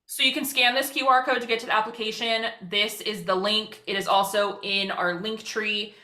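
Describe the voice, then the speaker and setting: Bright, rapid-fire woman presenting a webinar. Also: medium pitch, steady tone. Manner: very fast, rapid-fire talking; chatty, self-deprecating asides. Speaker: social media educator presenting a webinar. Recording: roomy, echoing sound.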